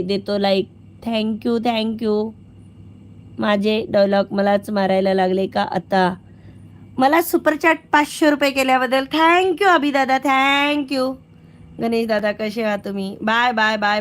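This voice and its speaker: A woman hosting a casual live stream, playfully greeting viewers by name and thanking them for their support. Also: mid-range voice.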